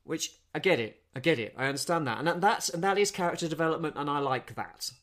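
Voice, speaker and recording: A man's voice: on the high side, animated, fast, a bit bright. Rambling man reviewing a film. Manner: rambling, with frequent restarts. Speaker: podcast co-host. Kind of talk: casual film review chat.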